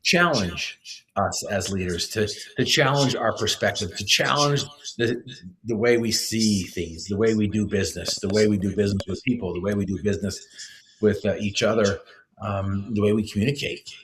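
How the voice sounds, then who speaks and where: A man's voice: on the low side, normal speed, fairly bright tone, low-quality recording. A man speaking earnestly as a motivational speaker in an interview, with many fillers and restarts. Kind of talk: casual interview talk.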